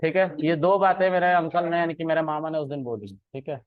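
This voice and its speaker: A man's voice: fairly high pitch, fairly quick, clear, resonant tone. Man teaching over tinny, phone-like audio. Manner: conversational, frequent "ठीक है" and "है ना" checks; mixes English phrases into Hindi. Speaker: programming teacher. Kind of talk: casual lesson with a personal story.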